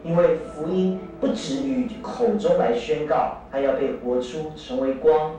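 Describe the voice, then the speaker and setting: A man with a Taiwanese Mandarin accent narrates formally in a fairly high voice. The sound is distant and heavily echoing, with music underneath. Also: unhurried, warm tone, slight background noise. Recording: distant echoey playback with music.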